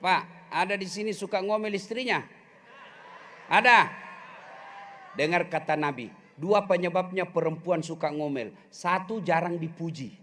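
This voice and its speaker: A man's voice: high voice, unhurried, slight background noise. A middle-aged man preaching a humorous sermon, joking and speaking straight to the congregation. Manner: animated, joking, addresses the congregation directly.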